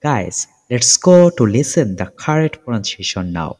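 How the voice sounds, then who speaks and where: Lively man teaching with echo. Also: medium pitch, very slow, breathy edge. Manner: lively, repeats examples with check-in questions. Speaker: English teacher. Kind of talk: explanatory lesson, mixing in English phrases.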